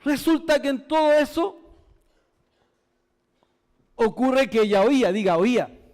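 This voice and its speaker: A man's voice: very high voice, expressive, a little slow, a little mellow. A man with a Chilean Spanish accent preaching a sermon as pastor, asking the congregation questions and repeating words for emphasis. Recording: echoey church hall.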